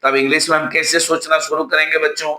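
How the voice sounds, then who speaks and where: A man from Bihar gives a spoken English lesson, talking straight to his students and calling them children. His voice is very bright and a little high. He repeats each drill phrase slowly, and the room has a noticeable echo. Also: little pitch movement. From Bihar, India. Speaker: English teacher.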